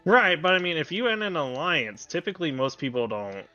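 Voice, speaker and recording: A man's voice: on the high side, sing-song, fairly quick, sharp tone, lo-fi sound, soft background music. A man on voice chat, talking bluntly and swearing as he complains about game rules. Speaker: guest co-player. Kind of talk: casual gaming chat.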